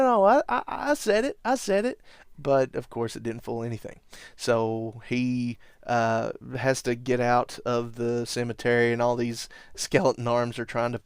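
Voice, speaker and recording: A man with a smooth, resonant voice at an ordinary middle pitch, talking into a podcast microphone in a dry, close sound. He recaps a classic movie casually and rambles along with chuckles. He slips into animated impressions now and then. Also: dry recording. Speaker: podcast host.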